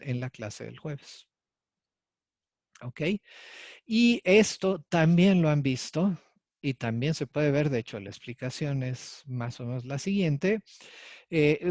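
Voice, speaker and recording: A man's voice: fairly high pitch, a little mellow, no room sound, clean studio sound. Man lecturing on physics. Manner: explanatory, addresses students directly with frequent "¿sí?" and "ok". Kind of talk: recorded lecture.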